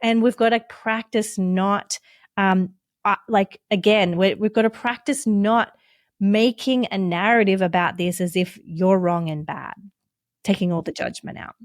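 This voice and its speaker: A woman therapist and author, a guest on a podcast, explaining self-help steps in a gentle, reassuring and instructive way. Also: mid-range voice, fairly even intonation, unhurried, dry recording, clean studio sound.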